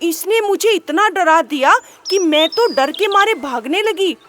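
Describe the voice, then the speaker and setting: A woman voicing a sly, curious female fox in a children's story, asking quick, prying questions. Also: very high voice, lively intonation, a bit bright, a little hiss or hum, pitched above the performer's own voice, full character voice. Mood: timid. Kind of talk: storybook character voice.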